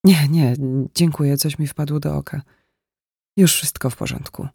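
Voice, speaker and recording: A man's voice: on the high side, steady tone, normal speed, gravelly, warm tone, husky, no room sound, clean studio sound. A man voicing a tired, tearful young woman traveler who speaks politely and unsurely. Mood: weary.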